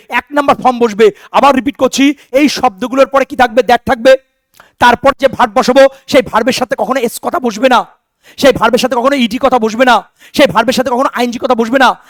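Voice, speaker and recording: Man, very high voice, emphatic exam coaching, dry close sound. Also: no room sound. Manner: emphatic, repetitive drilling with rhetorical questions; slows to spell out example sentences. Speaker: exam-prep English teacher. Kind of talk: recorded online class lecture.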